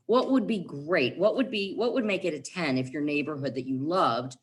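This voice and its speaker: Middle-aged female sales trainer, low register, punchy and upbeat, drills slogans to her team. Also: moderate pace. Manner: emphatic, upbeat coaching with repeated catchphrases. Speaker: real estate team leader and trainer.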